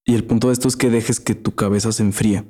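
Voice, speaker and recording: A man's voice: fairly low pitch, steady tone, fast, a little mellow. A man with a Mexican accent hosting a casual monologue, rambling in crude slang and often trailing off and restarting. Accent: Mexican Spanish. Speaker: podcast host.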